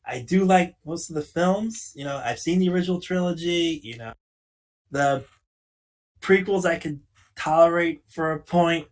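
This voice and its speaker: A man nearing forty with a slightly raised pitch. He talks in an earnest, explaining way during a casual podcast chat, peppering his points with "you know.". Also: normal speed. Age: late 30s. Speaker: podcast co-host. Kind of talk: casual conversational talk.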